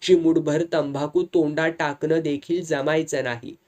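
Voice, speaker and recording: A man narrating a long village story in a lively, dramatic storytelling manner. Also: a little high, unhurried.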